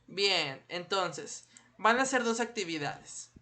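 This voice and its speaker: A man's voice: high-pitched, lively intonation, takes it slowly, sharp tone. A man teaching an online class. He patiently asks his students questions and then answers them himself. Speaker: primary school teacher.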